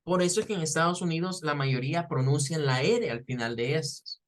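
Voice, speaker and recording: Male teacher, somewhat high voice, patient explainer who repeats words slowly for students. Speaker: English teacher. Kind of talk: online class lecture.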